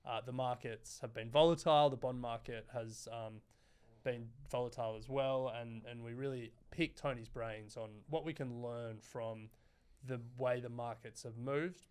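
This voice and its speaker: A man's voice: mid-range voice, clean tone. An Australian man co-hosting a podcast, talking in a loose, chatty way with plenty of fillers. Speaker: podcast co-host. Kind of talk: casual podcast chat.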